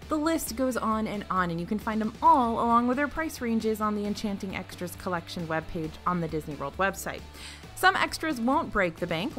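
A woman's voice: a little high, fairly bright tone. A woman hosting a travel explainer, reading a script in a bubbly, upbeat way with chatty asides. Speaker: host.

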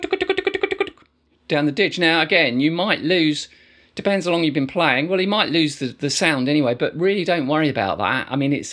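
A middle-aged man teaching didgeridoo techniques in a relaxed, rambling way, full of fillers and restarts. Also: medium pitch. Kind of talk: casual instructional explanation.

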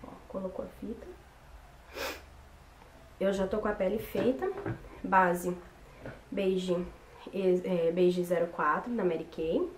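A young woman, hoarse from a cold, chatting casually through a makeup tutorial. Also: lowish voice, steady tone, takes it slowly, long pauses. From Brazil. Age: young adult. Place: small bedroom, indoors. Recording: roomy echo with background noise.

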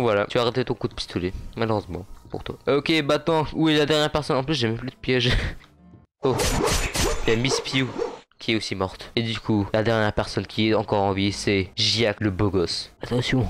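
Young male gaming commentator, excitable, laughs a lot, mid-pitched. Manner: excitable, laughs often, talks to viewers. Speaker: gaming YouTuber. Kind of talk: casual gameplay commentary.

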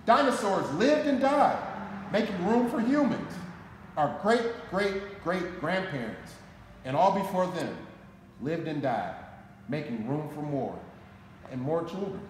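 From an indoor fire station garage with a concrete floor, a Detroit firefighter in his forties reads a children's picture book aloud, deliberately and dramatically, stressing his phrases in an American accent. His voice is fairly high and expressive. Recorded by a camera a short distance off, the audio echoes and carries noticeable background noise.

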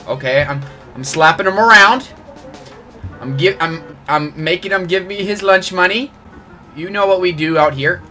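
A man's voice: sits high, normal speed, faint music behind. A man hosting his gaming channel, giving jokey live commentary on his own match and yelping at every bad play. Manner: excitable, jokey, groans and yelps at plays.

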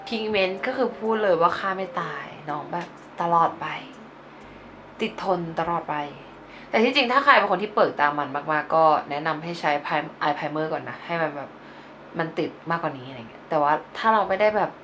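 Low-voiced young woman chatting through makeup. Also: animated, moderate pace, a bit bright, slight background noise. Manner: chatty, explains while applying makeup, playful asides. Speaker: beauty vlogger. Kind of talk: casual makeup tutorial. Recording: music playing behind her voice. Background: background music.

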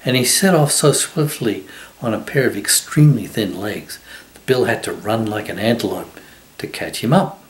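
An older man reading a children's storybook aloud at a steady pace. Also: fairly low pitch, normal speed, roomy sound, poor audio. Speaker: storybook reader. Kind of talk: storybook narration.

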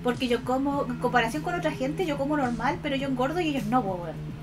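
A woman with a Chilean accent chatting casually on a livestream to her viewers, expressive and affectionate in a cutesy, girlish e-girl manner. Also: sits high, fast. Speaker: VTuber art streamer. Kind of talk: casual livestream chat, reading and answering viewers' comments. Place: indoors at a computer. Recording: music behind the voice.

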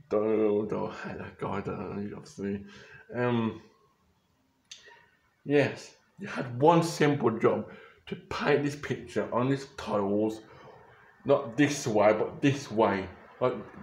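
Recorded close up on a webcam or phone in a small bedroom with an echo, a young man reacts to photos for his vlog, rambling and frequently backtracking to correct himself. He speaks in a mid-range, somewhat dark voice.

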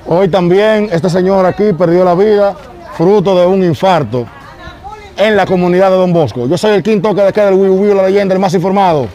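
A man's voice: high voice, brisk. A man with a Dominican accent reporting live from a neighborhood street on a lapel mic, talking straight to his viewers. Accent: Dominican Spanish. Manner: energetic, addresses viewers directly. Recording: outdoor street noise.

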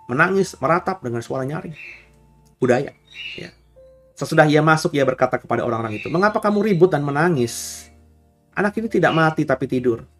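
A man, a pastor giving a casual, chatty Bible teaching and often checking in with his listeners. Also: mid-range voice.

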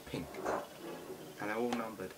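A man's voice: on the low side, steady tone, a little slow, distant mic. A British man gives casual, eager commentary while unboxing toys at home. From Britain. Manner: chatty, eager toy-collector enthusiasm. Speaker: toy reviewer. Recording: noisy home recording with clicks.

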